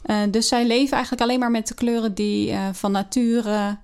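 A woman's voice: on the high side, fairly even intonation, brisk, darkish tone, smooth. Hesitant woman explaining research. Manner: hesitant, many fillers and restarts. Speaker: co-host discussing a research article. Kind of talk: casual explanatory conversation.

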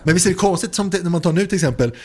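A man telling anecdotes in casual chat, lively and acting out the dialogue. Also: high voice, a little hiss or hum. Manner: lively storyteller, acts out dialogue.

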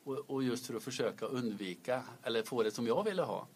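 A man's voice: medium pitch, expressive, slight background noise. A man who used to coach, reflecting on his matches and explaining tactics at length. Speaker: podcast co-host, former coach. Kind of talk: casual chat.

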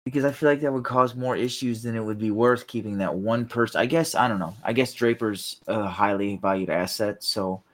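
A man co-hosting a podcast, chatting casually with his brother. His voice is on the low side. He hesitates often and fills the gaps with ums. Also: a little fast, hardly any pauses. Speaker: podcast co-host. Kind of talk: casual chat.

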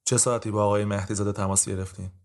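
A man voicing a stern, impatient male judge who questions in brisk, curt sentences. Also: lowish voice, little pitch movement, close to an everyday voice.

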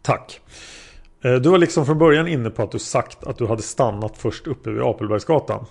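A man's voice: medium pitch, lively intonation, gravelly. Man reading as formal male defense lawyer. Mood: probing.

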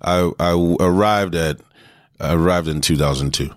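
Very deep-voiced man, hesitant and halting. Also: dry recording, studio quality. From Texas, US. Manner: hesitant, many restarts and fillers. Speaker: actor guest. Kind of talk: casual interview talk.

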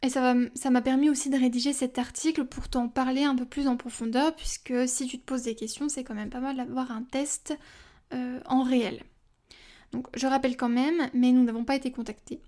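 Chatty high-voiced woman podcaster. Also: warm tone. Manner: chatty, personal, many fillers and asides. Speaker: podcast host. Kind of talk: casual podcast monologue.

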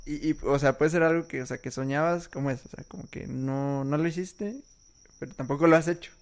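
A man's voice: fairly high pitch, fairly quick, smooth. A man casually asking questions in conversation.

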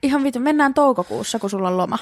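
A woman's voice: a little high, lively intonation. A young woman co-hosting a podcast in casual chat, laughing a lot, swearing and mixing in English phrases. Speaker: podcast co-host.

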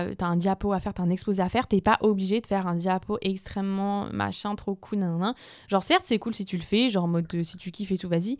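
A woman's voice: medium pitch, darkish tone, no room sound, clean studio sound. A young adult woman hosting a casual solo podcast, chatty and slangy with lots of fillers. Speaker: podcast host.

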